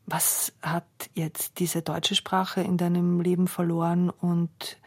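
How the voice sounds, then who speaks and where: A woman interviewing a writer, her voice lowish, gravelly and a little husky. She speaks in an even, reflective way with a flat melody. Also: takes it slowly. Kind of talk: conversational interview questions.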